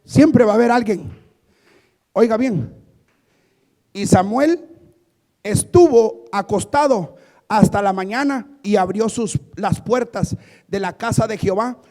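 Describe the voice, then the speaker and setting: A male pastor preaching a fiery evangelical sermon, swinging from quiet asides to shouted climaxes. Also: sits high, slow pace, long pauses.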